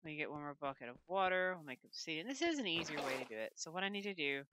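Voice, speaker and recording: A gaming channel host rambles through casual let's-play commentary at home, talking to herself as she plays. Her voice is low with lively intonation, and she talks fast. She's on a desk microphone, with background noise in the recording.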